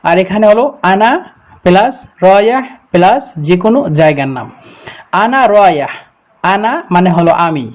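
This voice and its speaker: A man teaching a beginner Arabic lesson, saying each phrase slowly and repeating it for learners to copy. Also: high voice, animated. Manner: slow, repeated model pronunciation.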